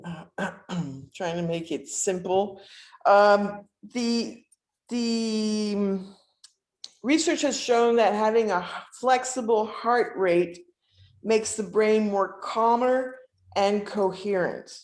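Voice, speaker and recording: A woman instructor giving an informal guided relaxation lesson, speaking haltingly with many pauses. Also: medium pitch, darkish tone. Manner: halting, hesitant, with frequent pauses and throat clearing. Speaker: instructor leading a breathing exercise. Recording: roomy, echoing sound.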